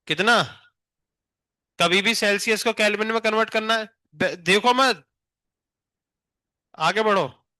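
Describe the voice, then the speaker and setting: A man's voice: high-pitched, sharp tone, dry recording, studio quality. A male physics teacher in a classroom, firing questions at students and teasing them, with an Indian accent in his English.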